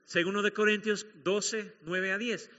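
A man's voice: sits high, steady tone, unhurried, pushed and bright. A man preaching a sermon to a congregation as pastor, emphatic, repeating key phrases and putting questions to the room. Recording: dull recording with long hall reverb.

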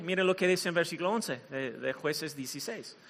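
Man, Mexican accent, sermon, bright tone, long hall echo. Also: a little high, moderate pace, a little hiss or hum. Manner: animated storytelling, playful asides, sound effects. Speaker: preacher.

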